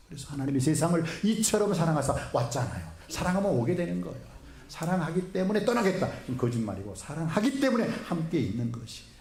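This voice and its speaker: A man as a pastor giving a sermon in a church and asking his congregation questions as he goes. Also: mid-range voice. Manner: animated, asks the congregation questions. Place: church sanctuary. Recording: echoey church hall with faint noise.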